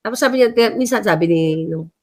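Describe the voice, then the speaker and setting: Brief: middle-aged Filipino-accented woman vlogger, somewhat high voice, emphatic and rambling, code-switching. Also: lively intonation, fast talker, a little mellow. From Philippines. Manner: rambling, mixes English and Tagalog; impassioned, emphatic. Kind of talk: casual political commentary.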